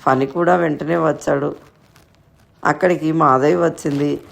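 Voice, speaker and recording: Gravelly-voiced male storyteller. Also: fairly high pitch, fairly even intonation, measured pace. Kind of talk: scripted story narration.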